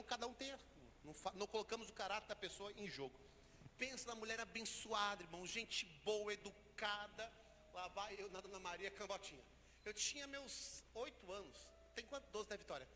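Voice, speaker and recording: A man preaches with a high, bright voice that swings from easy storytelling into loud, half-sung declarations. His words ring in a church hall with long reverb and a faint hum of noise beneath. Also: expressive, fairly quick. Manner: storytelling, then rising to loud preaching with sung phrases and tongues. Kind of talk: sermon with personal story.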